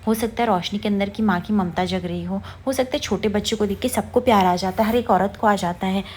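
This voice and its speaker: A woman retelling a serial who voices a gentle young wife who soothes and defends others, speaking quickly. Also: medium pitch, a little hiss or hum, natural voice.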